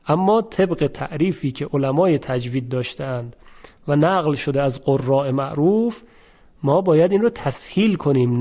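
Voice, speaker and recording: A man giving a Quran pronunciation lesson, speaking slowly and demonstrating sounds by repeating them. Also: fairly high pitch, mellow. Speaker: Quran recitation teacher. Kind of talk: tajweed lesson.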